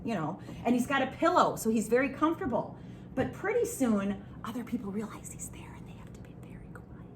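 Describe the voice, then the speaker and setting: A woman music teacher talking to young children in an online lesson, asking them questions and telling a story with animated expression. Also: a little high, slight background noise.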